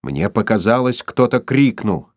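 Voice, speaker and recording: A man's voice: fairly low pitch, very animated, a little slow, no room sound. Sinister cruel man, mocking, jealous, dry close recording, voiced by the narrator. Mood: suspicious.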